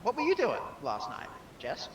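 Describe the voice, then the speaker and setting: A man improvising in a role-playing party game, rambling and halting as he goes. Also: sits high, huge pitch swings, distant mic. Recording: echoey, noisy, off mic.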